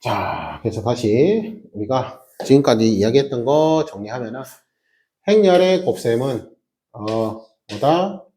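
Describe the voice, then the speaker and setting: A man's voice: medium pitch, expressive, a little slow, dark tone. A man teaching a math class, explaining step by step with emphatic rhetorical questions to his students. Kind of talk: classroom lecture.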